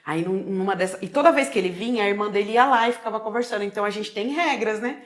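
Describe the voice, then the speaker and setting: A woman's voice: medium pitch, fast. A middle-aged Brazilian woman telling her own story in a casual chat, acting out the dialogue with frequent tag questions. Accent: Brazilian Portuguese.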